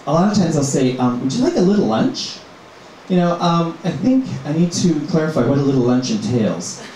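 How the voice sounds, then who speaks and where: A middle-aged man from Minnesota performing a stand-up comedy set in a small club, talking in a halting, deadpan way full of ums. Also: fairly high pitch, background noise. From Minnesota, USA. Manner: halting, filler-heavy, deadpan delivery. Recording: very echoey room, mic from a distance.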